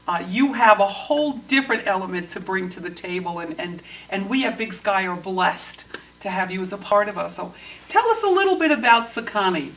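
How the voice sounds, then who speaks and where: A woman's voice: medium pitch, lively intonation, brisk, a bit bright. A woman roving reporter hosting on-location interviews, speaking in a gushing, effusive way. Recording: distant mic, faint noise.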